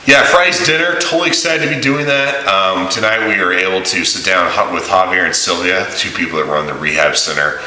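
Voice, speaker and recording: A man giving a casual, rambling video diary in a halting, informal way, recorded in a big echoey room. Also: low-pitched, pushed and bright. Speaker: vlogger and volunteer preacher on a mission trip. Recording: echoey room, big echo, audible hiss.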